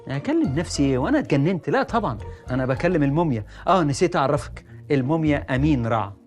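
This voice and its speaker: A man's voice: fairly high pitch, sing-song. An actor playing a jittery, joking young male doctor, speaking Egyptian Arabic in a comedy series. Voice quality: rapid, jokey, prone to panic. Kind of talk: sitcom acting. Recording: music under the dialogue.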